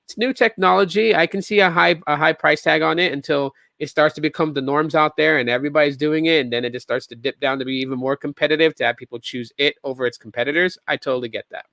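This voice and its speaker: Bright, rambling tech podcast guy. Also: fairly high pitch, quick pace, creaky, few pauses, no room sound. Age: 30s. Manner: rambling, animated, sarcastic asides with many restarts. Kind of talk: casual solo tech chat.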